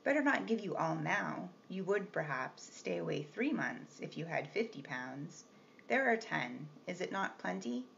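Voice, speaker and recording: A woman reading the part of a brusque, teasing gentleman employer with a gruff, commanding manner. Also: high-pitched, very animated, a little slow, heavily acted. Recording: slightly muffled with faint hiss.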